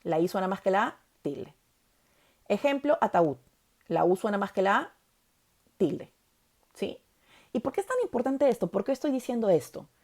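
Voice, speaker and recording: A woman's voice: mid-range voice, very animated, normal speed, long pauses, darkish tone. A woman teaching a grammar lesson, stressing key words and often checking in with the listener.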